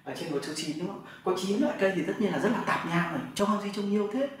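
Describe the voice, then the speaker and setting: Teacher in an echoey room. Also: male voice, high-pitched, lively intonation, fast. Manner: explains step by step, often asks "right?" to check. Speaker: Chinese language teacher. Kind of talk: classroom lesson. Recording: echoey room from far off, faint noise.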